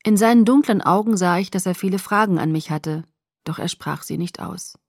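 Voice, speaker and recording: A woman narrating a novel in the first person with a soft, intimate, measured reading. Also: lowish voice, creaky, no echo, studio quality. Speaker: audiobook narrator.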